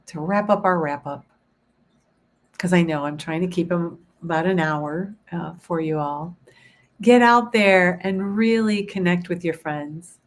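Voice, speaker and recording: Slow, low-voiced hoarse woman guiding a meditation. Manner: slow, soothing guided visualization; rambling, self-interrupting chat with fillers. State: hoarse, losing her voice. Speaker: spiritual teacher hosting a livestream. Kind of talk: guided meditation then casual livestream chat.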